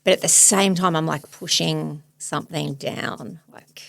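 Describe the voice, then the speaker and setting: A woman in her forties, a therapist hosting a podcast, speaking thoughtfully and searchingly in a soft, reflective way. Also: sits low, fairly even intonation, unhurried, gravelly, dry recording. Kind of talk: reflective therapy demonstration chat.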